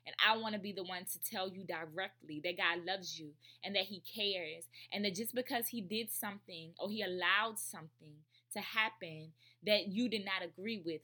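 A woman delivers devotional encouragement in an earnest, emphatic way, circling back to the same phrases to press her point. She speaks directly to one listener. Her voice is bright and forceful, at a middling pitch. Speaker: faith speaker.

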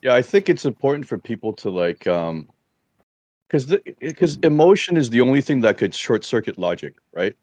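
Animated, fast-talking man, dry close sound. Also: mid-range voice, dry recording. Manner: blunt, animated, swears casually, laughs while talking. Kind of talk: casual trading podcast chat.

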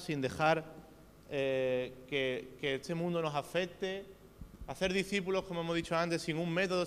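A man preaching a sermon with a Spain Spanish accent, earnest and talking straight to his listeners with rhetorical questions. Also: on the high side. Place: church hall. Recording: reverberant hall with faint hum.

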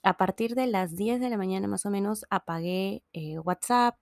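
A woman's voice: medium pitch, moderate pace, vocal fry, darkish tone, no room sound, studio quality. A woman, hosting a podcast in a chatty, casual monologue full of fillers and restarts, sounding a little tired. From Peru. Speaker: podcast host.

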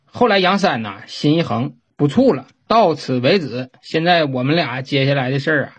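A man's voice: fairly high pitch, animated, normal speed, slightly rough. A man, telling a story in a folksy, casual way and swearing offhandedly.

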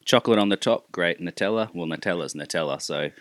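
A man's voice: deep voice, quick pace, no echo, studio quality. A middle-aged Australian man hosting a casual group chat in a blokey, matey everyman way. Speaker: podcast host.

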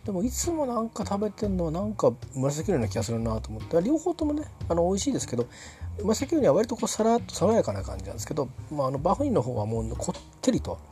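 A man's voice: high-pitched, huge pitch swings, fast talker, mellow, faint music behind. A man telling a casual anecdote in a rambling way, full of fillers and restarts.

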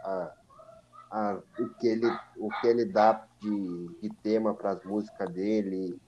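A man talks in a loose, slangy way over an online call. His audio sounds half robotic and stutters as it glitches. The sound is muffled and lo-fi, and his voice sits fairly low, with faint noise behind it. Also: unhurried. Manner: relaxed slangy talk with fillers. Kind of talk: casual chat.

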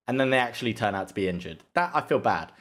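A young man chatting casually as a podcast co-host, swearing often and rambling through animated retellings. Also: medium pitch, fast. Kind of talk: casual chat.

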